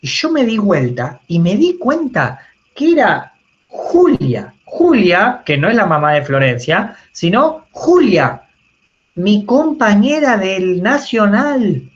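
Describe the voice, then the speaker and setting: A man's voice: high-pitched, big pitch swings, slow, pitched above the performer's own voice, full character voice. Male lecturer doing a forgetful, gushing old grandmother; lifted, sing-song voice. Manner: gushing, repeats the same story. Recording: muffled video call audio.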